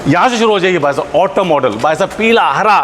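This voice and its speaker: A man hosting a hard-sell promotional video, excitable and exclamatory, repeating phrases for hype. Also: high voice, fast talker. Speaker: video host promoting a dealer. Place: vehicle showroom and factory. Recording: echoey, noisy space with vehicle sounds.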